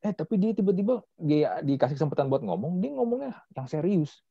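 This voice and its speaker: A man hosting a casual podcast chat, telling things in an animated, chatty way with slang. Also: fairly high pitch, fairly quick, gravelly, husky, no room sound. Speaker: podcast host. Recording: dull, dry lo-fi sound.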